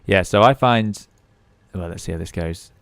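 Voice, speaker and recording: A man's voice: sits low, normal speed, fairly bright tone, clean tone, no echo. A man giving casual live commentary as a pilot playing a flight simulator. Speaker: flight sim streamer and airline pilot.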